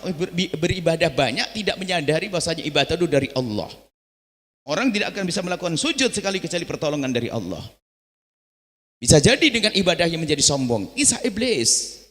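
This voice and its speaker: A man's voice: a little high, fairly bright tone. A middle-aged male preacher giving an impassioned sermon, his voice surging upward into emotional pleas. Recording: long reverb of a large hall.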